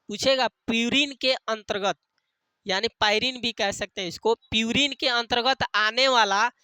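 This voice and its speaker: A man's voice: very high-pitched, pushed and bright, clean tone, no room sound. A male teacher giving a classroom lecture, asking questions and answering them himself, repeating key terms and using jokey memory tricks.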